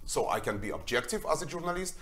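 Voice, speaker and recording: A man's voice: mid-range voice, very animated, fast talker, a bit bright. A man from Russia, speaking earnestly and emphatically on a panel as a documentary filmmaker, with broken grammar. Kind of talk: panel discussion.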